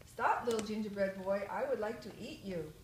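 A hungry cow coaxes her prey to stop, voiced by a grandmother reading aloud. The reading stays gentle and close to her usual voice. The room is echoey, with faint hiss. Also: mid-range voice, normal speed, close to an everyday voice. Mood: coaxing.

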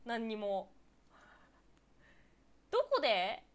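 A woman's voice: fairly high pitch, very animated, smooth. A young woman in her twenties from Niigata, chatting casually on her own live stream, answering viewer comments and giggling often. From Niigata, Japan. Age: 20s. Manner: giggly, laughs often between phrases; chatty and playful, quick reactions.

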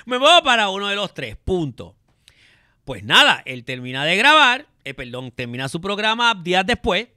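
A man's voice: high voice, normal speed, dry recording. A Puerto Rican man hosting a podcast in a studio, telling stories in a theatrical way and referring to himself in the feminine. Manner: animated and theatrical, speaks of self in the feminine, acts out quotes. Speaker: podcast host. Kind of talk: casual chat, storytelling.

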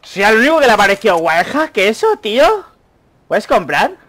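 A young man commentating his own gameplay, chatty, with excited outbursts and muttered asides. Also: sits high, normal speed. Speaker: gaming YouTuber. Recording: faint noise, mouse and keyboard clicks.

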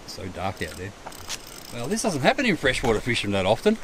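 A man's voice: mid-range voice, huge pitch swings, quick pace, a bit bright. A middle-aged Australian man chatting casually to camera while camping and fishing on a riverbank at night. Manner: laid-back, chatty, self-amused. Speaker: outdoor vlogger. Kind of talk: casual camp narration. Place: riverbank campsite at night, outdoors. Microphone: camera mic at a distance. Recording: distant camera mic, outdoor night noise.

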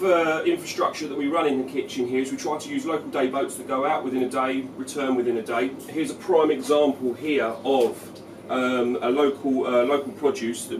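Chef explaining a dish in a noisy kitchen. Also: male voice, medium pitch. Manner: relaxed, explanatory, frequent "um" and "okay". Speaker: head chef. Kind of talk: cooking demonstration. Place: large restaurant kitchen. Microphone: camera mic from a few feet away. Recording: echoey kitchen, distant mic, loud kitchen noise. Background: sizzling pans and kitchen clatter.

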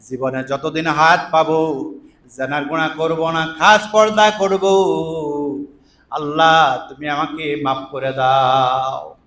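A man's voice: on the high side, fairly bright tone, echoey room, recorded from a distance, pitched below the performer's own voice. A male preacher voicing a repentant female dancer who prays tearfully for forgiveness. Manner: pleading, tearful.

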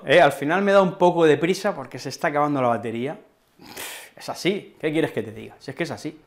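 A man teaching an online Spanish lesson with an accent from Spain, explaining patiently and checking in with his students through frequent tag questions. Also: a little high.

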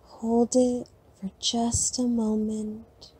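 A woman leading a guided sleep meditation in a slow, soft, soothing way with long pauses. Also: fairly high pitch, level tone, slightly rough.

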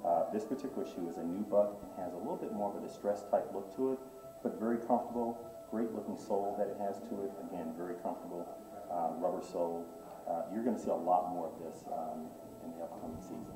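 A boutique owner, a middle-aged man, walks an interviewer through his menswear stock with keen sales talk peppered with fillers. He speaks fast in a low, steady voice, captured from afar by the camera over music, and the indoor shop echoes around him.

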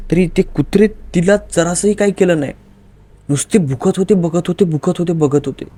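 A man's voice: a little high, warm tone. A man narrating a horror story in a dramatic, vivid storytelling manner.

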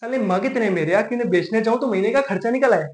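A man's voice: high-pitched, fast talker. A man performing a scripted comic rant monologue, exasperated and ranting, mixing in English phrases. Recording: echoey room.

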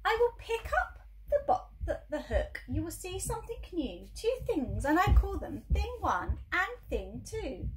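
A woman voicing a playful, carefree male cat in a storybook, with a showy, coaxing, drawn-out delivery. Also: very high voice, very animated, background noise, pitched above the performer's own voice, exaggerated voice.

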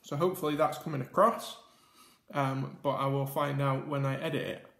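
A man's voice: medium pitch, steady tone, normal speed, fairly bright tone. Chatty man in an echoey room. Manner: chatty, rambling with many ums while eating. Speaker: YouTube host. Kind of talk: casual mukbang vlog. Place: indoor room at a table. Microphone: camera mic with face cam and top camera.

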